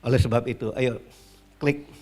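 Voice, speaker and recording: A man preaching a sermon at a church service, telling a story with lively acted-out moments and calling out to the congregation. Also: medium pitch, unhurried, soft background music. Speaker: pastor.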